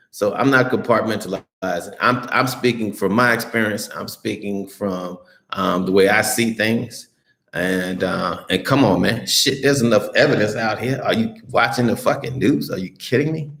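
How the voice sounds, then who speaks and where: A man's voice: lowish voice, a little slow, gravelly, a bit bright. Blunt, profane American man in a roomy echo. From United States. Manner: blunt, profane, rambling with many restarts. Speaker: vlogger reading live chat. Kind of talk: casual live-stream chat. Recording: roomy echoey recording.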